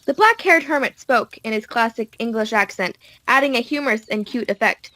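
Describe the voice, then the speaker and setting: A woman narrating an audiobook in a steady storytelling manner. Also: on the high side, brisk, dry recording, rough recording.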